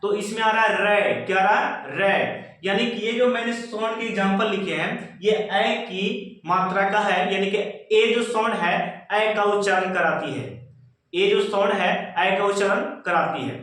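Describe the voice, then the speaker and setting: Echoey, high-voiced Indian man drilling words. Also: a little slow, a bit bright. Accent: Indian English. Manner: repetitive call-and-response drilling, asks and answers himself. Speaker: English pronunciation teacher. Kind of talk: classroom-style pronunciation lesson. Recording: very echoey room, voice from a distance.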